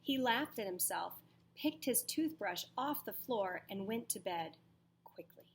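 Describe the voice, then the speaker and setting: A woman's voice: medium pitch, animated, a little hiss or hum. A woman teacher reading a storybook aloud to children expressively, with dramatic emphasis and asides to her listeners. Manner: dramatic pauses, emphatic, questions to young listeners.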